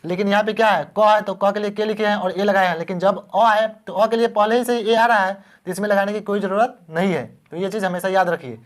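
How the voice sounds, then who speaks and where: A man's voice: sits high, steady tone, a little fast, hardly any pauses. A man teaching beginners how to spell words, patiently repeating each word and asking the class questions.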